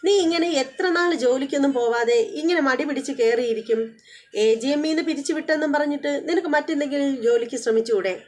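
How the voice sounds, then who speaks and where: A woman's voice: high voice, fast talker, close to an everyday voice. A woman voicing a scolding middle-aged mother in a TV serial recap, sounding incredulous and nagging.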